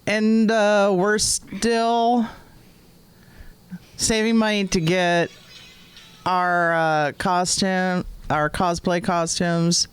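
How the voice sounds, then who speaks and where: A woman's voice: on the low side, steady tone, drawn-out words, long pauses, clean tone. A woman co-hosting an anime show in casual, unscripted chat.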